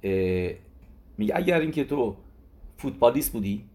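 A man's voice: medium pitch, animated, dark tone. A man teaching a weekly Torah portion, telling it as a story with lots of "he says" and restarts. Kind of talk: Torah lesson in casual spoken Persian.

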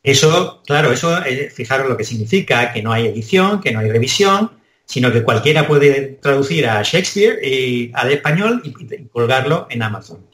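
A man with a Spanish accent speaks as a professor being interviewed. He thinks aloud, breaking off and restarting his sentences. His voice sits mid-pitch and carries a roomy echo. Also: fairly bright tone. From Spain. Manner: thoughtful, hesitant restarts. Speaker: translation professor, guest. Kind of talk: conversational interview.

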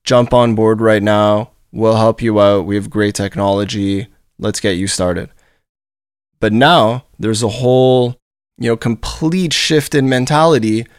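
A nasal-voiced man from Montreal, Canada, hosts a podcast and leads a company, delivering an upbeat, rambling solo monologue where he often repeats words as he restarts. His voice is on the low side, steady and measured. The sound is clean, echo-free and studio quality through a studio podcast microphone.

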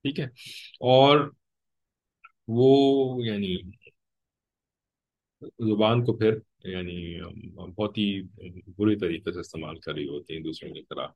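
Man giving a religious lecture, low voice. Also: darkish tone, slightly rough, highs cut off. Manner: explanatory, repeats "ठीक है" often; acts out short quoted lines in changed tones. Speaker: religious teacher.

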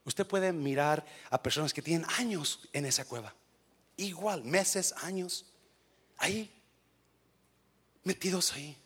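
A Mexican man preaching a sermon with a Mexican Spanish accent, urging the church on, dropping to hushed tones and then shouting, with English phrases mixed in. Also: on the high side, expressive, unhurried, long pauses, breathy edge. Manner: shouts and sings out exhortations, then drops to hushed intensity. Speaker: pastor.

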